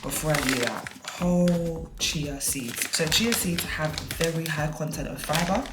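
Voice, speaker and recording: A woman's voice: deep voice, a little slow, very noisy. A woman chatting casually in a vlog, rambling with breezy asides. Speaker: vlogger. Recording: echoey room with loud music behind.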